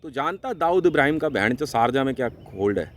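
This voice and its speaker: A man from India ranting angrily and swearing heavily in a vlog, jumping between loud outbursts and low mutters. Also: expressive, quick pace. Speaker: vlogger. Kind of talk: angry profane rant to camera.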